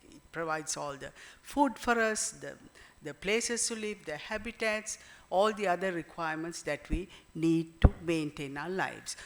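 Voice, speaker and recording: A woman in her sixties with a Sri Lankan accent gives a conference keynote, explaining in a hesitant way with frequent pauses. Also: on the low side. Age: 60s. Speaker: keynote speaker, retired botany professor.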